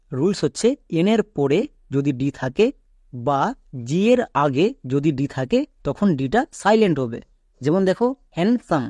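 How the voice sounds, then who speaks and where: A man's voice: fairly high pitch, mellow, no echo. A man teaching English pronunciation, spelling words letter by letter and answering his own questions. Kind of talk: spelling-out phonics lesson.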